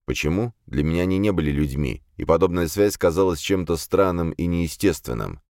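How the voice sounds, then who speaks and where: A man narrating a first-person fantasy audiobook in a measured, wry tone. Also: low-pitched, expressive, a little mellow, dry recording, clean studio sound.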